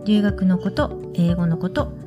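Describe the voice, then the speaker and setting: A woman who works as a study-abroad consultant, hosting her own podcast in a relaxed, chatty way and explaining with soft asides. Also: fairly low pitch, measured pace, lo-fi sound, over music. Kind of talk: solo podcast talk.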